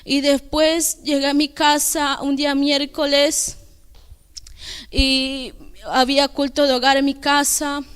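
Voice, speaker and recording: A young woman giving an earnest, halting personal testimony at church, with many restarts. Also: high voice, flat delivery, fairly bright tone. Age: young adult.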